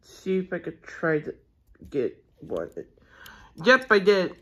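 Recorded on a handheld phone at home, someone does a casual toy unboxing review, excited yet rambling, hesitant, and restarting often. The voice is medium-pitched and slow.

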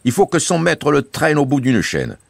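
A man voicing Bouzig, a cheeky, breezy male canal keeper who talks in loud, coaxing exclamations. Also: on the high side, wildly swooping pitch, moderate pace, creaky, husky, dry recording, pitched above the performer's own voice, exaggerated voice. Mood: reassuring.

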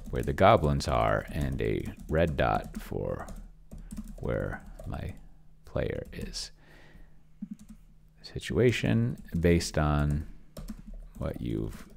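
Speaking very slowly with long pauses, this middle-aged streamer has a bass voice that is very animated, a little mellow and marked by vocal fry, with slight hiss or hum on the recording. He solo role-plays and casually comments on his live stream, muttering fragmentary thoughts as keyboard typing sounds from his small home room.

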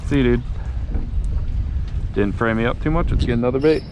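A man giving casual, excited fishing commentary from a small boat, chatting to the fish as he reels them in, recorded on a head-mounted action camera. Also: mid-range voice, normal speed. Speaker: fishing vlogger. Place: outdoors on a small boat on open water. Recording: wind and water noise outdoors.

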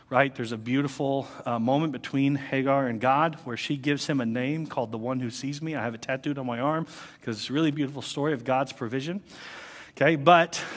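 A male pastor preaching a sermon, telling a story with energy and acting out the people in it. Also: medium pitch. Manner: animated storytelling, acting out voices. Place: church sanctuary. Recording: long church hall reverb.

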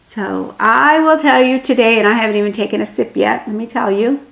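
A woman in her sixties, speaking softly and unhurriedly to the camera from her dining room, with many pauses and ums, in a gentle devotional talk. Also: fairly high pitch, creaky. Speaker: homemaking vlogger. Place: dining room at home, indoors. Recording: roomy home recording.

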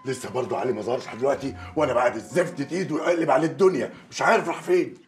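An actor playing a self-serving newspaper editor-in-chief who complains gruffly in an Egyptian Arabic accent. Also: male voice, medium pitch, racing, soft background music, lightly acted. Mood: irritated. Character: self-serving, brusque male newspaper boss.

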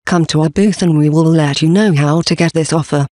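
A man giving a scripted presentation for a company, reading slide contents and symbols aloud in a steady, even delivery. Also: on the high side, brisk, no echo, clean studio sound.

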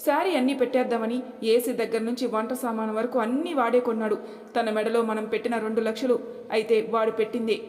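A woman's voice: a little high, darkish tone, close to an everyday voice. Give me a woman doing a stern older father scolding his family, in a roomy, echoing space. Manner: lecturing, rhetorical questions. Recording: echoey room, long reverb.

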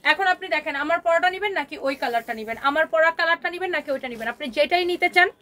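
A woman hosting a live online clothing sale, talking in a fast, emphatic, repetitive sales patter that mixes in English words. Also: very high-pitched, pushed and bright. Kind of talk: live-stream sales pitch.

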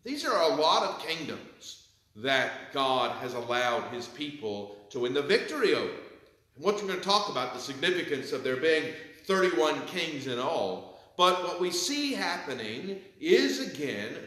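Slow, bright-voiced preacher in echoey church. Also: male voice, fairly high pitch, sing-song. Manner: measured preaching, reads scripture with rising emphasis. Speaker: pastor. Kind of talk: sermon. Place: large church sanctuary, behind the pulpit. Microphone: pulpit mic, far camera.

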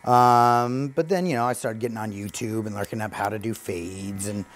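A man in his thirties who owns a barbershop speaks in a lowish, steady voice at normal speed. Cutting hair in the barbershop basement during a casual interview, he talks earnestly and gratefully with lots of fillers.

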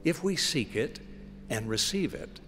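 Slow, measured middle-aged man in hall. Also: medium pitch, sing-song. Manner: slow, measured, gentle delivery. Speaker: broadcast inspirational speaker. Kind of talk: scripted inspirational message. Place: indoor stage with flowers. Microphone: stand mic on lectern. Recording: long hall reverb with soft music. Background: soft music.

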